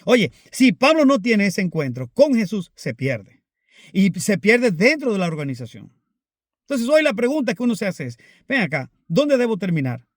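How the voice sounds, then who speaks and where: A man with a notably high voice preaches a sermon, earnest and insistent, calling his listeners brothers. His delivery swings between emphatic rises and quiet asides. The sound is dry and close. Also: sing-song, normal speed, no room sound.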